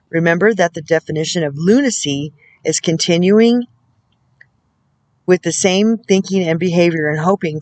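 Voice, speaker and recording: A woman working as a spiritual counselor, reading oracle card texts aloud in a measured way and breaking off now and then to muse and comment to herself. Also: fairly low pitch, poor audio. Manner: measured reading broken by musing, self-amused comments.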